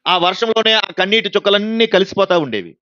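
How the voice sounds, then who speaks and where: A man's voice: high-pitched, lively intonation, a little fast, sharp tone, dry recording, lo-fi sound. A man preaching a sermon, asking his listeners questions and acting out the voices he quotes. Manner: preaching with rhetorical questions to the congregation. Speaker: pastor.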